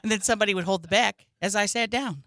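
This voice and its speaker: A woman's voice: medium pitch, fast talker, no echo, clean studio sound. A woman, telling comic stories on a podcast and acting out quotes in goofy voices. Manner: animated storyteller, acts out quotes with goofy voices. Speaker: podcast guest and comedian. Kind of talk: casual comedic chat.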